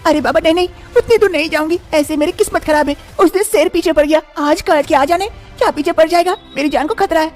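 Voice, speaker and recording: A woman voicing a frightened young village daughter-in-law in an animated story, who frets and talks to herself aloud. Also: very high-pitched, fast talker, few pauses, soft background music. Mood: worried.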